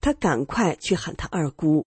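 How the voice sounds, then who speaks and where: Woman reading a radio story, husky breathy voice, dry close mic, lots of pitch movement. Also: lively intonation, moderate pace, a little mellow, dry recording. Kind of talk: scripted first-person narration.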